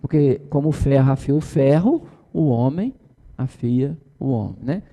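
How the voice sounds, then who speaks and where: A man's voice: mid-range voice, lively intonation, moderate pace, warm tone, muffled recording. Middle-aged man teaching with long reverb. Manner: conversational, tag questions, mimics the people he quotes. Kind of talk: informal church teaching.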